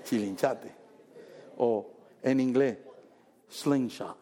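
A man preaching a sermon, telling a story in an animated way with jokes. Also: medium pitch, extremely slow.

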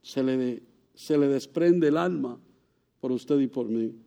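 A man giving a sermon as pastor, asking rhetorical questions and swinging from loud, high passages to soft, low ones. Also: takes it slowly, vocal fry.

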